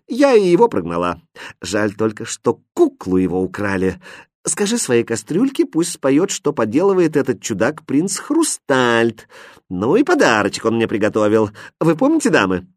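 A man voicing a haughty, capricious young princess in a storybook reading, speaking in imperious, shrill outbursts. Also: no echo, clean studio sound.

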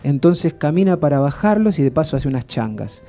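A man with a Rioplatense Argentine accent telling a comic story on the radio in a rambling, deadpan way with frequent restarts. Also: fairly high pitch, fairly quick, soft background music. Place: radio studio.

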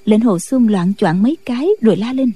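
Woman narrator with a dark husky voice. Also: fairly high pitch, a little fast. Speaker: audiobook narrator. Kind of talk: storytelling narration of a martial-arts novel.

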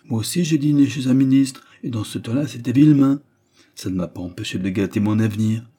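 A man's voice: mid-range voice, fairly quick, dark tone, pitched above the performer's own voice, lightly acted. A man voicing a grumpy old male scholar who grumbles with disdain in a storybook reading. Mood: disdainful.

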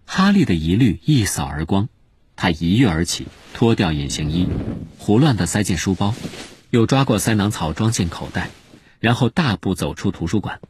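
A man narrating a storybook in a lively, expressive way. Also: sits low, normal speed, slight background noise. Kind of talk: storybook reading.

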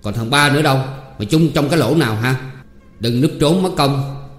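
A man's voice: medium pitch, fairly quick, pitched above the performer's own voice, natural voice. A man doing a blustering young master. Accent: Southern Vietnamese. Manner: shouting, threatening. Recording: echoey hall with faint music.

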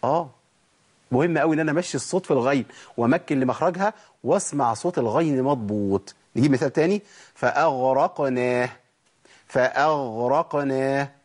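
Egyptian man, recitation teacher; rapid talker who quizzes himself and drills slow, repeated sound examples. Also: medium pitch, a little mellow, husky. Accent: Egyptian Arabic. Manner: asks himself rhetorical questions and answers them; drawn-out demonstrations of letter sounds with repeated examples. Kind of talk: recorded recitation lesson.

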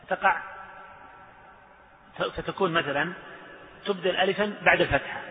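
A man teaching a classroom lesson on the rules of Quranic recitation. He repeats his examples, chants verses and asks his students questions. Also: sits high. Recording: echoey hall over a tinny, lo-fi line.

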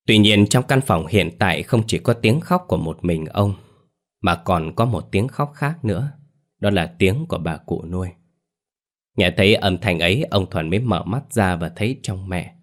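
A man tells a ghost story in a steady, dramatic reading voice. His voice sits very low and deep.

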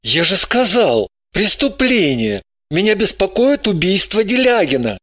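A man voicing a shy, earnest young man in an audiobook, talking softly and hesitantly. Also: sits high, sing-song, a little slow, no room sound, studio quality, heavily acted. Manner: soft, hesitant and pleading. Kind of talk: audiobook character voice.

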